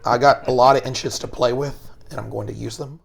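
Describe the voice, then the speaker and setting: A man with a hoarse, gravelly voice, casually narrating his moves during a tabletop wargame with playful jokes. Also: medium pitch, steady tone, a little fast. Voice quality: gravelly, breathy whispery. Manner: joking, playful asides. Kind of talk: casual battle report chat.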